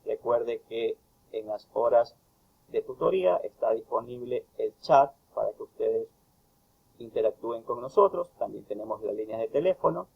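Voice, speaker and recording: Gravelly man giving a grammar lecture. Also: medium pitch, animated, narrow, tinny audio. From Ecuador. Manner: slow, emphatic reading of example phrases. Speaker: university tutor. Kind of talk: recorded lecture explaining grammar.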